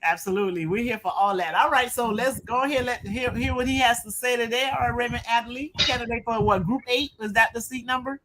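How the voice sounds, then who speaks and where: A woman's voice: a little high, quick pace, hardly any pauses, background noise. A woman hosting an interview, chatting casually and cheering on her guest. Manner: chatty and informal, with affirming interjections. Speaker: host.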